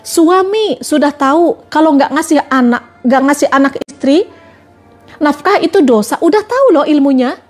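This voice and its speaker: A woman's voice: high-pitched, lively intonation, normal speed, darkish tone, soft background music. A woman giving a religious talk on a live stream, asking her listeners question after question. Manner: repetitive rhetorical questioning.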